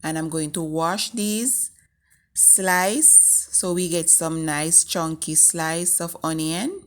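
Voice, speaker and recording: A woman with a morning voice narrating a recipe step by step in a measured, instructing way as the host of a home cooking video. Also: on the low side. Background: faint music.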